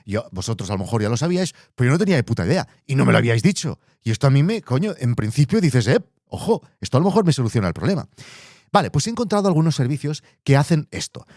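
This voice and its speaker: A man's voice: mid-range voice, sing-song, fast talker, few pauses, a little mellow, dry recording, clean studio sound. A man hosting a podcast, chatting casually, swearing freely and thinking aloud. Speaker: podcast host. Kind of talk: casual monologue.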